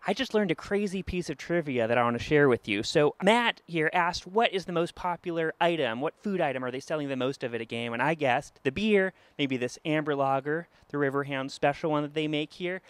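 Host type: thirties guy, high bright voice, handheld mic, upbeat and playful, wandering a stadium. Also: smooth, no room sound. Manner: upbeat, playful, quick questions. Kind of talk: casual on-location interview. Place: outdoor stadium and indoor offices.

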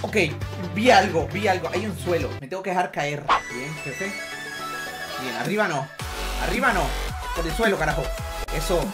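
A young-sounding man gives animated gameplay commentary, his pitch swinging widely. He talks to himself and bursts into exclamations, all over loud, thumping game music. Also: moderate pace. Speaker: gamer being reacted to.

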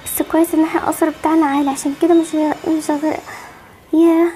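A woman's voice: high-pitched, flat delivery, very fast, dark tone, faint music behind, lightly acted. A woman voicing Barbie, an anxious, protective young mother with an Egyptian accent, fretful and soothing in an amateur game movie. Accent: Egyptian Arabic.

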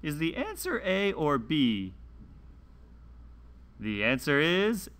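Hosting a children's read-along show, a male teacher leads a lesson for young kids. He speaks very slowly and deliberately, enunciating each word carefully with sing-song emphasis and lively pitch swings. His tone is bright, forward, clear and resonant.

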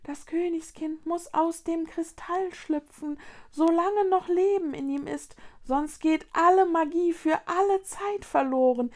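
A woman reading a children's storybook aloud, voicing tiny frail magical creatures with an urgent, breathy whisper that repeats words. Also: extremely high pitch, unhurried, a little mellow, voice pushed up.

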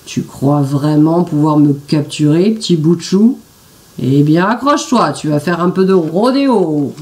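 A woman voicing a big, good-natured male bison in a storybook reading, speaking low and teasing. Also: expressive, measured pace, darkish tone.

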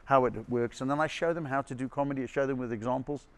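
A man's voice: medium pitch, quick pace. A middle-aged man from South Africa, a comedian telling stories in a casual chat and acting out the people he quotes. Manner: animated storyteller acting out quoted voices. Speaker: comedian guest. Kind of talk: anecdotal storytelling chat.

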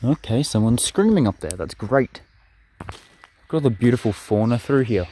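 A man's voice: medium pitch, animated, normal speed, mellow, husky. Chatty young man vlogging. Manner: chatty, rambling, easygoing. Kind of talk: casual vlog narration and walk commentary.

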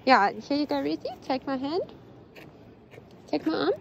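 Seated in her car at a petrol station, a vlogger in her forties with a South African accent talks playfully to her arm's-length phone for a casual travel vlog. Her voice sits high and creaky at a normal speed, and a little background noise comes through.

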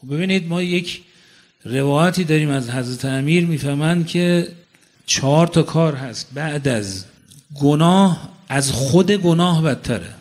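A man's voice: fairly high pitch, darkish tone. A man preaching a religious sermon, telling a story and quoting Arabic verses before explaining them, repeating phrases for emphasis. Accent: Iranian Persian. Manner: repeats phrases for emphasis, rising to fervent peaks.

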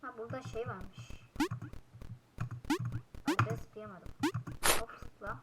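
High-voiced woman ranting over gameplay. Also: sing-song, takes it slowly, heavy background noise. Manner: frustrated, swears and yells at the game. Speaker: gaming YouTuber. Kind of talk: casual gameplay commentary. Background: loud game music.

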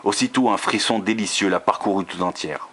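Homme grave lisant un roman. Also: male voice, lowish voice, fairly quick, slightly rough. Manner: steady reading with occasional slips and restarts. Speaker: reader of a romance novel. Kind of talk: reading a novel aloud.

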